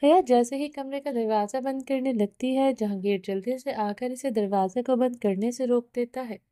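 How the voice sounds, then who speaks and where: A woman narrating a novel aloud in a steady reading voice with small restarts. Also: fairly high pitch, dry recording, studio quality. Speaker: novel reader. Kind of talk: audiobook narration.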